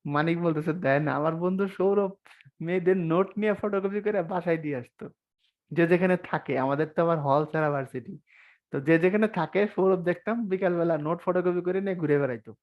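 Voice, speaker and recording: A man's voice: fairly high pitch, lo-fi sound. A young man teaching an online exam-prep lesson on spelling, chatty and teasing, often asking his students questions.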